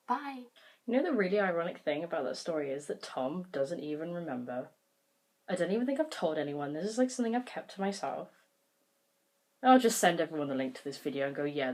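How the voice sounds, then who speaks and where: A woman's voice: low voice, rough recording. Chatty young British woman vlogger. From Britain. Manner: chatty, self-mocking, lively. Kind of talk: comic storytelling to camera.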